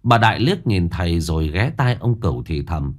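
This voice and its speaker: A man narrating a ghost story in a lively, expressive reading. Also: sits low, moderate pace.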